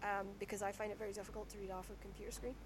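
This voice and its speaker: A woman with a Shetland accent chats in a casual interview, candid and full of anecdote. Her voice sits at a medium pitch. There is some background noise with a low rumble on the recording. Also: little pitch movement, very fast. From Shetland, Scotland.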